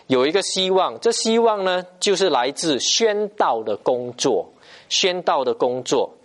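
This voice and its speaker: A man preaching a sermon, emphatic and repetitive, pausing often to stress his points. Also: a little high.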